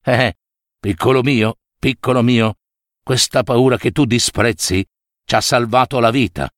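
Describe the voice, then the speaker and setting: A man doing a gentle wise father stag. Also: mid-range voice, a little slow, dry recording, clean studio sound, natural voice. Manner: soft, gentle, consoling.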